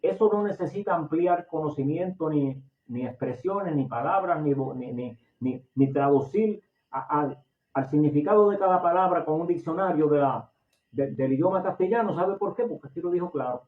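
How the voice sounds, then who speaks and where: Male preacher, Puerto Rican accent, slightly high voice, passionate sermon delivery, echoey room. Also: normal speed. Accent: Puerto Rican Spanish. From Puerto Rico. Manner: impassioned, repeats and restarts phrases. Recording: echoey, distant, phone-like audio.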